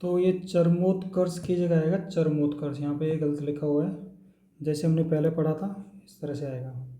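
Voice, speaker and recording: A man teaching an exam-prep lesson, going through words one by one in a steady drilling way. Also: fairly high pitch, normal speed, roomy sound.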